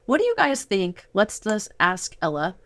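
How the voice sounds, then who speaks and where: This middle-aged show host, mother of the guests she's interviewing, keeps a casual, heartfelt studio conversation going with encouragement and affirmation. Her mid-range voice swoops wildly in pitch at a moderate pace, with no echo on the recording.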